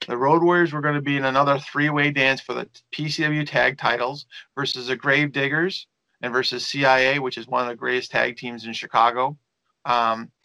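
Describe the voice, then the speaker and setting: A man with a medium-pitched, bright, forceful voice works as a wrestling promoter and manager and tells stories in a rambling, casual interview full of fillers and restarts. The recording is dry and rough.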